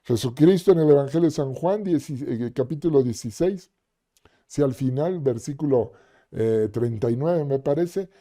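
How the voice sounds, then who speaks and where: Man preaching, dark mellow tone. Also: mid-range voice, lively intonation, normal speed. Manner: conversational, with fillers and repeated questions to the listener. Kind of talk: sermon.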